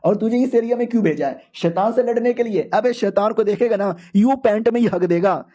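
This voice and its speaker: High-voiced slangy young man recapping a comic. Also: a little fast, warm tone. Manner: slangy, joking, profane. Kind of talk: casual comic story recap.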